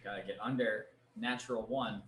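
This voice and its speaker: A man's voice: lowish voice, fairly even intonation, moderate pace. A man playing his character in a tabletop game, talking in a casual, hesitant way. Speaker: player. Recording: echoey room with faint noise.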